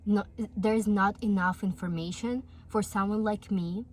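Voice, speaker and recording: This twenty-something vlogger from Russia speaks to the camera at a moderate pace with fairly even intonation and a mid-range voice. Her native language is Russian, she has a Russian accent, and her casual talk is earnest and encouraging.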